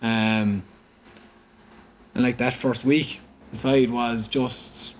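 A man's voice: mid-range voice, extremely slow, a little hiss or hum. An Irish man, an interview guest, recounting a personal story in conversation and acting out what people said. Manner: animated, quotes dialogue as he recounts.

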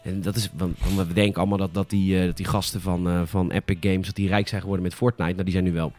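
A man's voice: low-pitched, level tone, fast, darkish tone. A man with a Rotterdam accent chatting casually and bluntly about games as a podcast host, with plenty of swearing. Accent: Rotterdam Dutch. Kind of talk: casual gaming chat.

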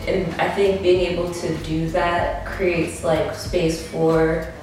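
A woman in her twenties from the DMV area of the US, a model and DJ appearing as a podcast guest, talks candidly and casually, full of "likes" and restarts. Her lowish voice is slow with little pitch movement. She's far from the mic, with roomy echo and background music.

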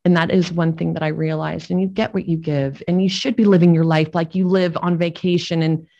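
A middle-aged woman speaks as a podcast guest, retelling personal stories in a heartfelt, conversational way. Her voice sits a little low for a woman. The audio is dull and lo-fi. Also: fairly even intonation, a little fast, gravelly, mellow. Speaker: real estate agent and podcast guest. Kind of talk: podcast interview storytelling.

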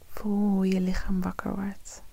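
A woman guiding a morning meditation as podcast host in a soft, breathy, soothing half-whisper, slow like a spa relaxation track. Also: medium pitch, monotone, no room sound.

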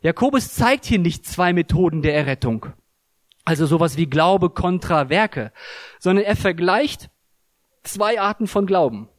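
A man's voice: high-pitched, animated, unhurried, dry recording, clean studio sound. A man giving an earnest, emphatic sermon, telling a story and explaining a Bible passage. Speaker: preacher.

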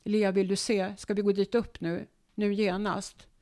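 A woman's voice: medium pitch, level tone, warm tone, close to an everyday voice. A woman putting on the voice of her elderly mother, who talks eagerly about her girlhood.

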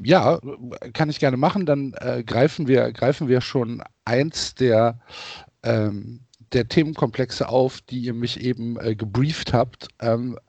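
A man's voice: medium pitch, a little mellow, no echo. Middle-aged man reminiscing, dry close sound. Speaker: podcast guest, football fan. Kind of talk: reminiscing in casual chat.

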